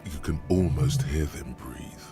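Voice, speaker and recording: An actor playing the ominous, wry inner narrator of a detective video game, speaking in a deliberate, dramatic, dry way. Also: male voice, extremely low pitch. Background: music.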